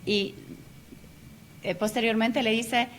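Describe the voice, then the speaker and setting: A woman's voice: a little high, steady tone, slow, a little hiss or hum. A woman guest in a radio interview, a language teacher explaining at length with frequent hesitation fillers. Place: radio studio.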